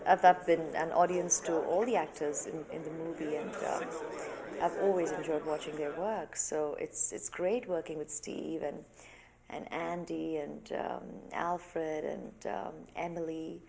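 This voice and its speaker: A woman's voice: sits low, fairly even intonation, measured pace, vocal fry, mellow. A woman giving a press junket interview, full of praise and a little hesitant. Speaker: actress interviewed about a film.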